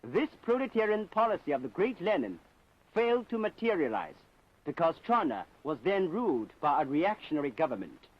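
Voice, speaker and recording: A man narrates a scripted propaganda documentary in a solemn, emphatic, declamatory manner, his voice a little high, brisk and very animated. The recording has the dull sound of a 1960s film soundtrack.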